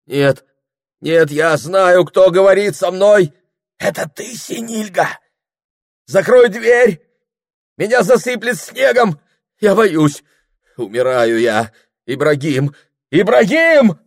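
A male reader voicing a feverish, frightened young man who cries out in high, strained bursts. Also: a little slow, fairly bright tone. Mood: terrified.

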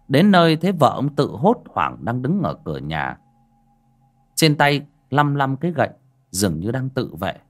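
A man narrating a village ghost story in a dramatic, expressive manner. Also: mid-range voice.

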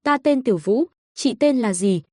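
A woman's voice: on the high side, expressive, normal speed, darkish tone, dry recording, studio quality. A woman voicing a shy, innocent young village girl who speaks timidly. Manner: timid, hesitant.

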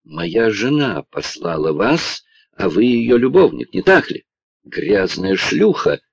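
A man reading an audiobook and voicing a hysterical, spoiled young lord with a shrill, whimpering manner. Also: very animated, a little slow, dry recording, dull audio. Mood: hateful.

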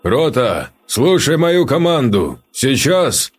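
A man's voice: mid-range voice, big pitch swings, measured pace, husky, soft background music, pitched above the performer's own voice. A man voicing a harsh army captain who barks short orders. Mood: stern. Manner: barking terse orders. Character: hard, commanding male army captain.

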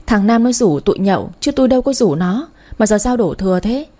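A woman voicing an idle male drinking buddy who jeers and makes excuses, speaking quickly. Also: medium pitch, expressive, warm tone, natural voice. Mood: jeering. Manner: jeering, defensive.

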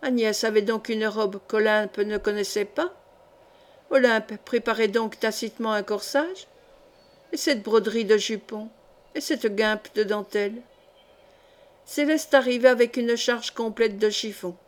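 A woman reading a historical novel aloud as an audiobook, with clear, expressive storytelling. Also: a little high, unhurried. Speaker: audiobook reader. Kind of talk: expressive literary audiobook narration.

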